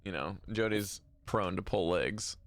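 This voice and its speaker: Low-voiced joking man streaming a game. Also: a little slow, fairly bright tone, slight background noise. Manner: joking, laughs often. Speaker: streamer and player. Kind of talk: casual chat at a tabletop game stream.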